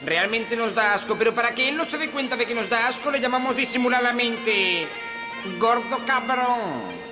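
Una voz masculina muy aguda y burlona, que habla con desprecio y asco en un doblaje de cine. Suena con música de fondo. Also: male voice, very high voice, expressive, normal speed, music in the background. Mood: disgusted. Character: disgusted man describing a fat cruel Scot. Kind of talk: film dub.

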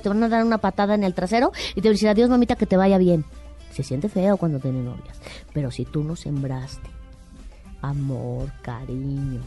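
A Mexican woman with a slightly low voice gives parenting advice in an emphatic, preachy way, throwing rhetorical questions at the listener. Soft music plays faintly underneath. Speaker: author and guest.

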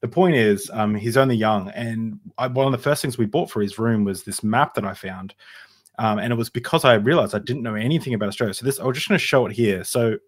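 A man's voice: mid-range voice, fairly quick. A young man hosting a casual podcast conversation, chatty and rambling, often repeating words as he thinks. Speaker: podcast host. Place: Australia.

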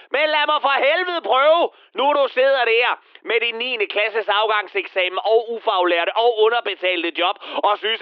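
A bitter middle-aged misanthrope spits out a crude, venomous rant in a high, strained voice. His voice is smooth and carries well. The sound is close and dry, with a slightly dull radio tone. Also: no echo. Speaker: comedy character. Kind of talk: satirical radio monologue.

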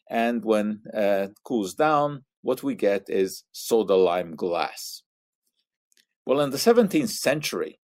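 An older man giving an educational science talk in an explaining manner, pausing on "uh" and repeating words. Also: mid-range voice, no echo, studio quality. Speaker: science commentator. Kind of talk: educational monologue.

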